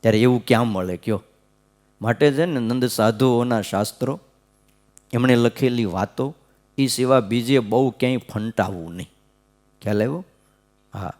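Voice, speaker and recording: Swami preaching in a lively conversational way. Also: male voice, mid-range voice, normal speed, long pauses. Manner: conversational preaching, frequent "hm?" checks, sing-song verse chanting. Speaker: swami giving scripture discourse. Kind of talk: devotional katha sermon. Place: gurukul temple hall.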